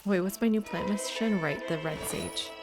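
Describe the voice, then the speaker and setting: A woman's voice: lowish voice, moderate pace. A woman chatting casually as she streams a video game, reacting aloud and answering viewers. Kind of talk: casual livestream gameplay chat. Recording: loud game music and horse sounds behind. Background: western video game music, hoofbeats, animal sounds.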